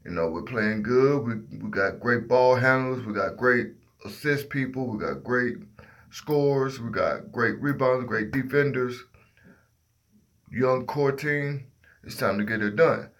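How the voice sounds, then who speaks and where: A man's voice: mid-range voice, measured pace, fairly bright tone. A sleepy man hosting a casual sports livestream, giving his opinions while half asleep and groping for words as his train of thought drifts. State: sleepy, half asleep after working all night.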